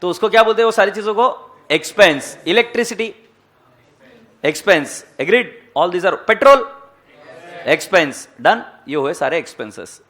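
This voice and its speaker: A man teaching accounting to a classroom in a high voice. He jokes with the students and asks them question after question. He slips English phrases into his Hindi. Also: expressive, moderate pace, fairly bright tone. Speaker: accounting lecturer. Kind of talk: classroom lecture.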